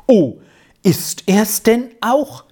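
A reader voicing an excitable old village woman who cries out high and shrill with drawn-out exclamations. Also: creaky. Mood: overjoyed. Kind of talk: audiobook character voice.

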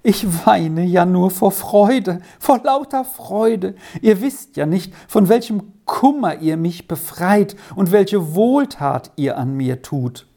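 A woman voicing an old grandmother, kindly and overjoyed, speaking in a high, quavering, fervent voice in a read-aloud storybook. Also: expressive, measured pace, vocal fry, few pauses, dark tone. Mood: tearful joy.

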